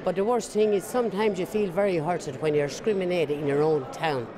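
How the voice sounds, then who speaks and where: A woman's voice: lowish voice, a little fast, rough recording. An older woman with a southern-sounding Irish Traveller accent gives personal testimony in a colloquial, plain-spoken way. Busy crowd chatter sits behind her voice. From Northern Ireland. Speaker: Traveller community member. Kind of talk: personal testimony in a news interview.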